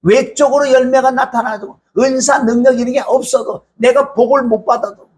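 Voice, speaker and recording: A male pastor preaching a fervent sermon. He swings between loud outbursts and low asides, and his voice cracks with emotion. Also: steady tone, moderate pace.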